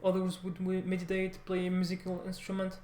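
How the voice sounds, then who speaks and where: This vlogger, a native French speaker learning another language, talks casually and unscripted to viewers in a high, monotone, darkish voice. He circles back, restarts and corrects himself as he rambles, and the room's echo is clearly audible.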